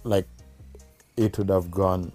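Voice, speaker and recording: Deep-voiced, slow Kenyan man chatting. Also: flat delivery, dark tone, dry recording, soft background music. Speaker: musician interviewed as podcast guest. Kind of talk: casual reflective conversation.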